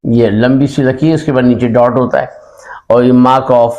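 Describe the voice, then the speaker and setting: A middle-aged man teaching an English grammar lesson, unwell and coughing, explaining slowly with pauses and fillers. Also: mid-range voice, fairly even intonation, a little mellow, highs cut off.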